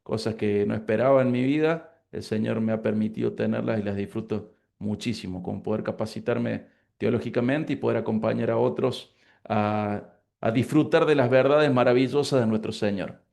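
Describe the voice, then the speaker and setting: Casting: Argentine man in his forties, pastor, gravelly voice, earnest and grateful. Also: fairly low pitch, fairly even intonation, moderate pace, a little mellow. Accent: Argentine Spanish (Córdoba). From Córdoba, Argentina. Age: 40s. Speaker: pastor and lecturer. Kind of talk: prayer and interview answers.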